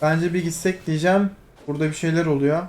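A young man giving lively, excitable commentary over his own gameplay, teasing teammates, laughing and shouting now and then. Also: a little high, fast, a little hiss or hum. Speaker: gaming streamer.

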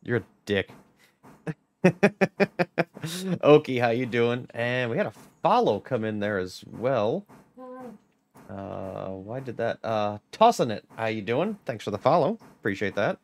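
A man's voice: lowish voice, expressive, normal speed, gravelly. A man giving chatty, joking commentary on a live gameplay stream and greeting viewers. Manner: joking, chatty, talks to chat. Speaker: game streamer.

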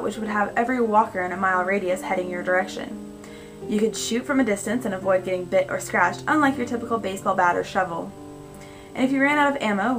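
A young adult American woman narrating first-person fiction in a measured, conversational reading style. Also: mid-range voice, low-quality recording. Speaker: storyteller. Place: small indoor room at home. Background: music, guitar.

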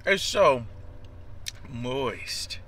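A young man talks through a mouthful of food, his words muffled and chewy, with a bright, forward tone. He chats in a loose, slangy way between bites. A faint hum of a car sits behind him. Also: medium pitch, lively intonation, extremely slow. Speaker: food reviewer. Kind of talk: casual food review vlog.

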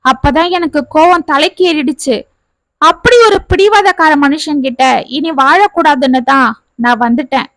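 A woman's voice: high voice, normal speed, fairly bright tone, no echo, low-quality recording. A woman reading the part of a young married woman, hurt and bitter, pouring out her grievances in a family story. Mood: aggrieved.

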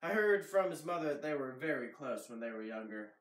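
Playing a veteran policeman and longtime friend of the detective, a man delivers his lines in a laid-back, matter-of-fact manner for a noir radio play. His voice is on the high side, animated, brisk, and fairly bright. He sounds distant in an echoey space, with music underneath.

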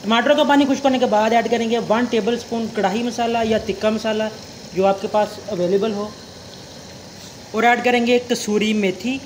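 A man's voice: high-pitched, fairly even intonation, moderate pace, a little hiss or hum. A young man hosting a cooking channel, explaining a recipe step by step in a polite, formal way with religious greetings.

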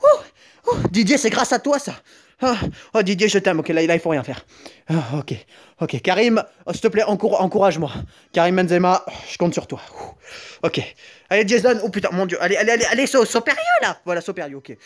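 A man's voice: high-pitched, lively intonation, brisk. A young man whose first language is Italian, doing jokey, rambling commentary while playing mobile games, with sudden yelps and silly asides. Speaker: gaming YouTuber. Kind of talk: joking gameplay commentary.

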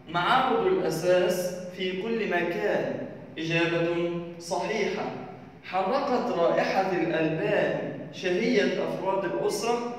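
A man teaching a primary school lesson, reading textbook questions aloud slowly and then giving the answers. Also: high voice. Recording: echoey hall from far off.

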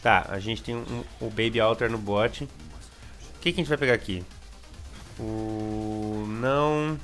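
A young Brazilian man with a Brazilian Portuguese accent commenting on his gameplay casually, excitable and repeating words, with sudden shouts. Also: fairly low pitch, measured pace, soft background music. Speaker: gameplay streamer.

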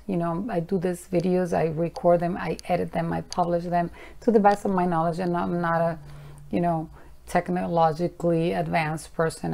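A woman's voice: fairly low pitch, creaky, darkish tone. A woman teaching about mantra chanting in a casual, earnest talk to camera, frank and sometimes firm with her viewers.

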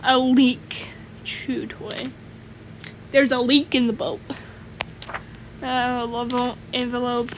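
Girl gamer rambling thru her inventory, giggly, high swoopy voice, noisy background. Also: little pitch movement, slow pace, long pauses. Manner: rambling, listing items aloud, giggly. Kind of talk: casual gameplay commentary.

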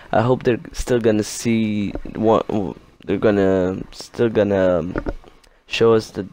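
Slow-talking excitable gamer guy. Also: lowish voice. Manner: excitable, yells at the game during fights. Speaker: gaming commentator. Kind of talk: casual let's-play commentary.

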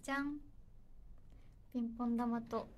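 A woman's voice: a little high, steady tone, moderate pace, darkish tone. A young woman hosting a casual livestream, chatty and a little nervous, giggling as she reads viewer comments. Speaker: idol livestream host.

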